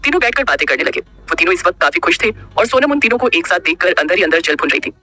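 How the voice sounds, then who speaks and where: Rapid, bright-voiced male audiobook narrator. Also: high-pitched, dry recording. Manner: rapid, animated storytelling. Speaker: storyteller.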